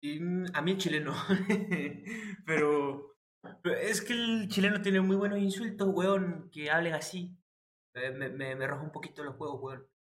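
A man's voice: fairly high pitch, steady tone, a little slow. A young man with a Mexican accent, co-hosting a podcast in casual, joking chat that is full of slang and swearing. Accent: Mexican Spanish. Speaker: podcast co-host.

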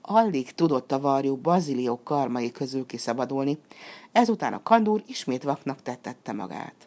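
A woman narrating a storybook in a lively, expressive reading voice. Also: very deep voice.

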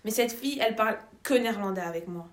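A young woman from Belgium, hosting a casual podcast chat with friends, animated and quick to jump in. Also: mid-range voice. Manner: animated, quick, talks over others. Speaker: podcast host. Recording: echoey room.

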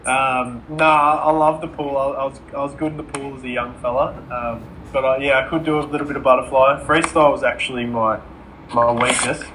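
A man's voice: medium pitch, fairly even intonation, fairly quick, sharp tone, slight background noise, poor audio. Laid-back joking Australian man. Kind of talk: casual sports chat.

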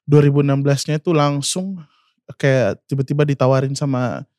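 A man in his twenties, a singer and guest, telling an emotional personal story in a halting way, full of fillers and speaking of himself by name. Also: mid-range voice, steady tone, darkish tone, dry recording, studio quality. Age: 20s.

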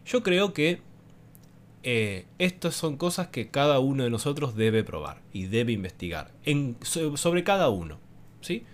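A man hosting a show, explaining in an animated, teacherly way and posing rhetorical questions to viewers. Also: mid-range voice, measured pace. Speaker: host. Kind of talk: explanatory monologue to camera.

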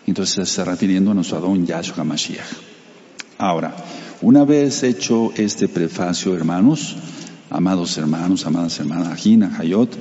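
A man with a low, mellow voice preaches a sermon, reading Bible passages and turning to the congregation to explain them. The sound is dull and carries a long hall reverb. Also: moderate pace. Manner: reads scripture then explains it, addressing the congregation; uses Hebrew terms for sacred names.

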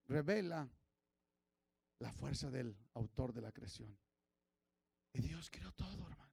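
High, gravelly preacher. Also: male voice, no room sound. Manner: switches between Spanish and English, calls out congregation members by name; grows louder and more fervent as he preaches. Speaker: pastor. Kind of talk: sermon.

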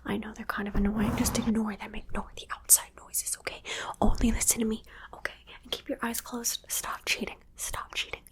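A woman whispering softly into a close microphone, coaxing and praising the listener through an ASMR guessing game. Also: fairly high pitch, flat delivery, a little fast. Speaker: ASMR creator. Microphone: close sensitive microphone.

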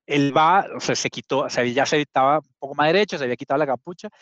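A man's voice: on the high side, fast talker, fairly bright tone, no room sound. Earnest man, muffled dry sound. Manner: earnest, many restarts. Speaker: guest. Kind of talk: conversational storytelling.

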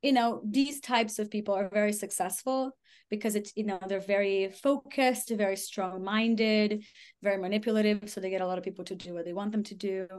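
A woman's voice: medium pitch, steady tone, brisk, a little mellow. A woman talks as a guest on a podcast in a loose, conversational way. Her speech is full of "like" and "you know", and she acts out the lines of people in her stories. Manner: chatty, lots of "like" and "you know", acts out quotes. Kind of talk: casual conversational storytelling.

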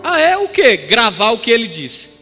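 A Brazilian man preaching a fervent sermon as a pastor, repeating phrases and building to shouts. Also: extremely high pitch, wildly swooping pitch, normal speed, gravelly. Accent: Brazilian Portuguese. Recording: long hall reverb with music behind.

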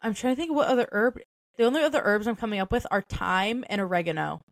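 Playful woman cohost, teasing, goes all incredulous, dry close recording, mid pitch. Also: quick pace, dry recording. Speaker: podcast co-host. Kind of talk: casual chat.

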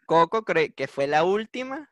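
Expressive Venezuelan man, dry sound. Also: fairly high pitch, unhurried, no room sound. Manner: expressive, emotional retelling. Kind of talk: casual chat.

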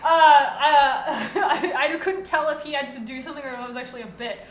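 A woman's voice: sits high, brisk. A woman co-hosting a podcast in casual chat, rambling and swearing. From New England. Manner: rambling, swearing, laughing often. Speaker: podcast co-host. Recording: echoey room, background noise.

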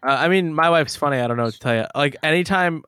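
A man co-hosting a podcast, trading wry deadpan jokes in relaxed casual chat and chuckling along. His voice is a touch high for a man, recorded dry and close. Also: quick pace, smooth, no echo. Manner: wry, joking deadpan, laughs at own jokes. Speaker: podcast co-host.

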